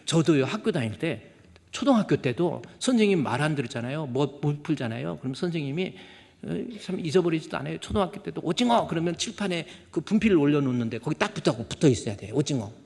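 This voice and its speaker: An older man preaching a sermon as a pastor, telling stories and acting out shouted quotes. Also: fairly high pitch, animated, fast, gravelly. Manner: storytelling, acts out shouted quotes. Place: church sanctuary. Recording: church hall reverb.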